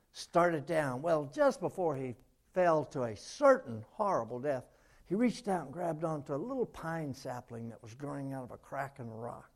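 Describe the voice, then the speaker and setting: A man's voice: a little high, a little mellow. Folksy man telling a story. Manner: folksy, with frequent "uh" fillers. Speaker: military veteran speaker. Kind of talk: storytelling talk with jokes.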